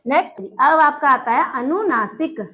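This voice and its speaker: High-voiced woman teaching a grammar lesson. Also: expressive, measured pace, pushed and bright. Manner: explains step by step, asks questions and answers them. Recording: dull lo-fi recording.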